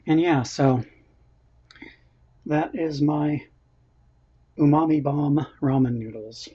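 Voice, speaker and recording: A man with a slightly high, slightly rough voice speaks slowly while eating on his casual home-kitchen cooking livestream. He chats, laughs often and reads viewer comments aloud, and the audio from the built-in camera microphone is dull and lo-fi.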